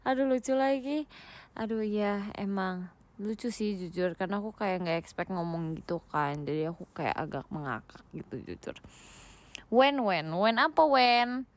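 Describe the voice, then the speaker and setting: Here a young woman from Indonesia, streaming as an idol, lounges at home and chats casually with her audience, giggling playfully and dropping in English. Her mid-range voice has lively intonation and an unhurried delivery.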